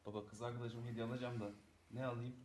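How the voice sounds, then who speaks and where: A man's voice: medium pitch, little pitch movement, very fast, crowd noise, natural voice. A man playing a cheeky, idle young son who pesters his father in a comedy skit. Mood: nonchalant. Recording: echoey, very noisy clip played back.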